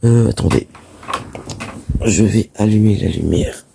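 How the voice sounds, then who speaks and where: A young man vlogging casually in his bedroom at night, hoarse and groggy from just waking up. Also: lowish voice, unhurried, noisy background. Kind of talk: casual chat to viewers.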